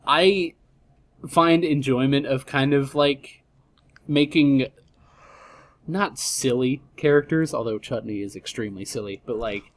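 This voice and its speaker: A man with a medium-pitched voice speaks unhurriedly, with long pauses, as a podcast guest who plays tabletop role-playing games. He explains things in a laid-back, slangy, rambling way during a casual chat.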